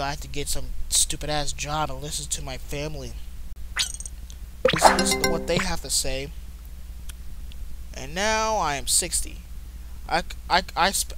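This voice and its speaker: Excitable, foul-mouthed male game commentator. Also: on the high side. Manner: profane, excitable, reads game text aloud. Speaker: gaming channel host. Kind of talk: let's play commentary. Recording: loud background noise.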